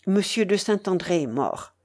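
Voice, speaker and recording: A woman's voice: on the low side, lively intonation, normal speed, darkish tone. A woman playing a troubled young priest. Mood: urgent.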